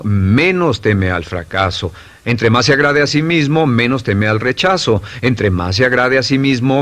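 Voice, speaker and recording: A middle-aged man giving a dubbed motivational seminar voice-over, lecturing emphatically and lifting his pitch on key phrases.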